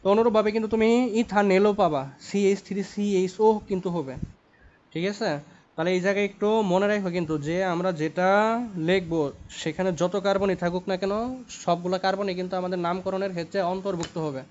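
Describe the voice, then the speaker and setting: In a dull lo-fi recording, a young chemistry tutor lectures at a whiteboard at a quick pace. His high voice stays steady with a darkish tone as he repeats points and checks understanding with tag questions.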